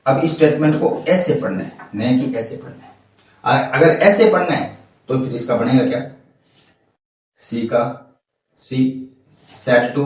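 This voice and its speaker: A man's voice: mid-range voice, a little mellow. A man with a Hindi accent teaching an English grammar lesson. He explains step by step, repeats each point and keeps quizzing his students, calling them "beta". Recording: echoey room, mic far off.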